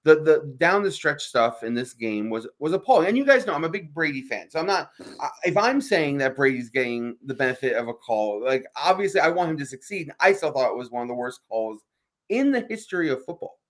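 Man, sports talk co-host, quick delivery, slightly high voice, emphatic, keeps tagging "right?". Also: big pitch swings, a bit bright. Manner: fast, emphatic, fills with "right?".

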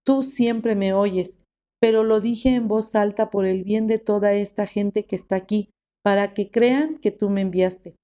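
A woman reading aloud the lines of Jesus, a calm male teacher, in a plain voice. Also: medium pitch, a little slow, dull audio, close to an everyday voice. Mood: solemn.

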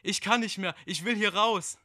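A man voicing a desperate, crying male wretch, broken by guilt, in a dramatic story reading. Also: moderate pace. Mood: desperate pleading. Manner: high, pleading, shouted questions.

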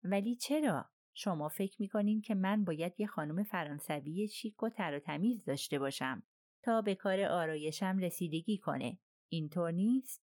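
An aloof old princess, voiced by a woman narrator in an audiobook, speaking slowly and with cool composure. The voice sits low and dry, close to the mic with no room around it. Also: a little mellow, no echo, natural voice. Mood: probing. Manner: slow, measured and composed. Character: aloof, calm elderly princess, slow-spoken. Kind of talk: audiobook character reading.

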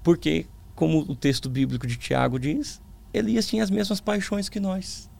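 Casting: Brazilian male preacher, gravelly fry, lisped sibilants, thoughtful conversational delivery with emphatic repetition. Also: fairly high pitch, fairly even intonation, normal speed, a little mellow. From Brazil, small town in the interior. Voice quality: tongue-tied lisp, slurred sibilants. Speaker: preacher, interview guest. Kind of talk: conversational religious testimony.

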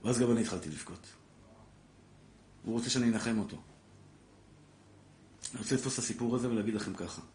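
A man, a rabbi, giving an impassioned Torah class to a live audience, calling listeners brother and building to loud exhortation. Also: medium pitch, pauses often. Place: lecture room with a live audience. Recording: echoey room with faint background noise.

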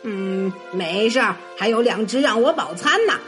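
A woman's voice: mid-range voice, lively intonation, moderate pace, soft background music, natural voice. A woman voicing a hungry, sly and cowardly male wolf in a children's story, stammering and whining. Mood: scheming.

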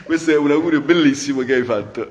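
A man's voice: fairly high pitch, quick pace. A man hosting an interview informally, in a hesitant, roundabout way. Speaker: interview host. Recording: echoey room, clear background noise.

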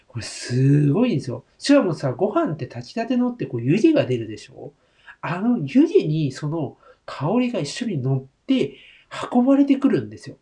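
Wildly animated man, mellow tone. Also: fairly high pitch. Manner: enthusiastic, addresses listeners directly. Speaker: host comparing Taiwanese rice balls. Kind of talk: solo talk-show monologue.

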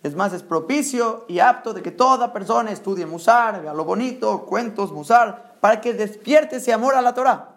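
A high-pitched man preaches a Torah sermon with rising emphasis. He drives his points home with rhetorical questions and sprinkles in Hebrew terms. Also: lively intonation, normal speed, hardly any pauses.

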